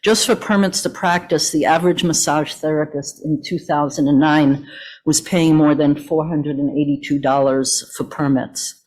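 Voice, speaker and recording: A woman massage therapist presenting at a meeting, reading measured prepared remarks while calling for slides, her voice trembling from the cold. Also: sits low, fairly even intonation, a little mellow, low-quality recording. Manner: measured, asks for the next slide often. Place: hotel meeting room. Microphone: meeting audio from a hotel room.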